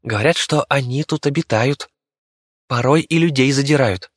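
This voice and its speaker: A man voicing a boastful male rat companion who squeaks shrilly. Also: normal speed, no echo, studio quality, natural voice. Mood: cocky.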